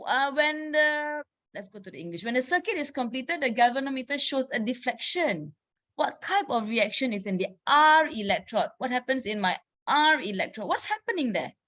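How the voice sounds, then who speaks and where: A woman chemistry teacher running an online revision class, quizzing students briskly and saying "okay" often. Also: high-pitched, animated, fairly bright tone.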